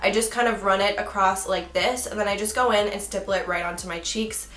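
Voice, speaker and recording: Young female beauty vlogger, mid-pitched, bubbly and self-deprecating, in an echoey room. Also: steady tone, brisk, fairly bright tone. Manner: chatty, giggly, self-mocking asides. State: hiccups. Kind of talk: makeup tutorial talk.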